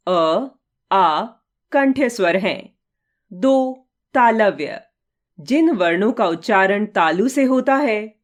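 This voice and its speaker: A woman teaching a grammar lesson, reading definitions and lists of examples aloud item by item in a measured way. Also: mid-range voice.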